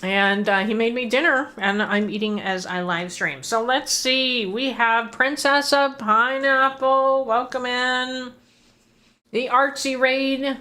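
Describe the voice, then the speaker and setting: A woman's voice: on the high side, pushed and bright. Chatty woman streaming a game. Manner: chatty, greets and thanks viewers. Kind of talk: casual gaming livestream chat.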